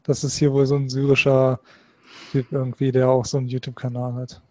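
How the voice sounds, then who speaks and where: A man's voice: mid-range voice, a little fast. A man co-hosting a casual political chat show, walking through material on screen. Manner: monotone, explains on-screen material. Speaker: podcast co-host.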